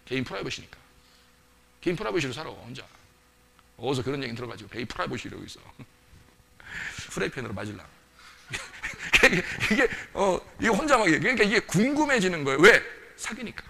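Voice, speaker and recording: A male pastor preaching a sermon, animated, asking the congregation questions and acting out quoted voices. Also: fairly high pitch, fairly quick, vocal fry, long pauses, a little hiss or hum.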